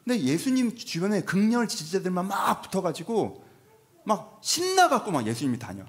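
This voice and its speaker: A man preaching a Sunday sermon in a church, conversational and animated, slipping into playful voiced asides. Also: high-pitched, moderate pace. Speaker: pastor. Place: church sanctuary.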